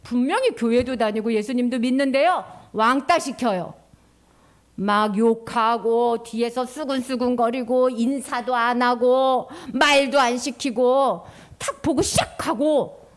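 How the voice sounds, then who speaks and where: A woman minister giving an animated children's sermon, sing-song and sometimes dropping to a whisper. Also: fairly high pitch.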